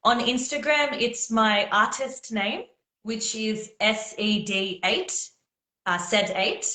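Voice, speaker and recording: Chatting casually as a guest singer on a live video call, a woman who grew up speaking Gujarati sounds earnest and encouraging, laughing frequently. She speaks slowly in a fairly high, pushed, bright voice. The recording is rough and reverberant.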